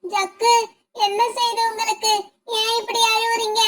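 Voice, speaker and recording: A woman voicing a gentle, devoted young bride myna bird in a cartoon, in a very high, thin voice with earnest pleading delivery. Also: unhurried. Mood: frantic. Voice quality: very high, thin and flat-toned. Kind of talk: cartoon voice acting.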